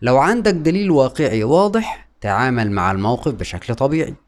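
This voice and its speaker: A man with an Egyptian Arabic accent and a medium-pitched voice speaks a little fast in a calm, explanatory talk to camera. As a mental health educator, he often repeats key points and poses questions he then answers himself.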